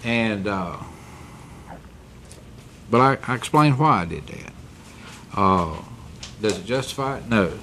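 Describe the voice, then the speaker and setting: A man's voice: on the low side, expressive, slow, pauses often, bright, forceful tone, a little hiss or hum. A middle-aged man, a county commissioner speaking candidly and rambling a bit in a meeting chamber. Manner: candid, rambling, self-correcting storyteller. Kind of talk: public meeting remarks.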